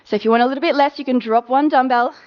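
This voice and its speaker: A woman fitness instructor cueing a workout, coaching with brisk encouragement and counting down the reps. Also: high-pitched, muffled recording.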